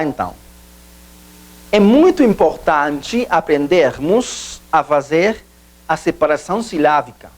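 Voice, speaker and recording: A man giving a video language lesson, explaining slowly, repeating himself, and stressing key points. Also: on the high side. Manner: slow, repetitive, emphatic teacher's explanations. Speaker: Portuguese teacher.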